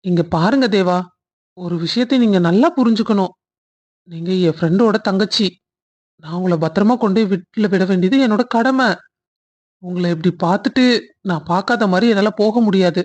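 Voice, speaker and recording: A woman voicing a kind young man in a cartoon love story who speaks earnestly and reassures gently. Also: mid-range voice, a little fast, long pauses, natural voice.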